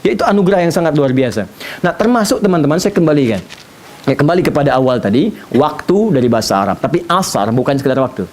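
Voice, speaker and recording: A man preaching an animated sermon lecture, using playful asides for the audience. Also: on the high side, fast. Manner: animated, playful imitations of foreign speakers. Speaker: Islamic preacher. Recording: faint hiss.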